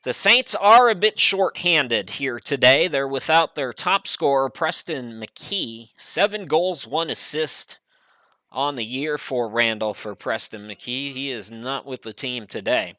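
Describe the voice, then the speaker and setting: Bright-voiced male soccer commentator. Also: mid-range voice, measured pace, dry recording. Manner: relaxed, chatty, frequent "uh" fillers. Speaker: play-by-play commentator. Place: home studio.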